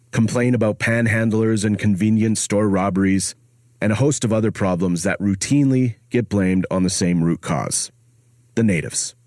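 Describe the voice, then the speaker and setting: Low-voiced man narrating a documentary. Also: a little mellow, no echo, studio quality. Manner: grave, measured. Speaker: documentary podcast host. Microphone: studio mic.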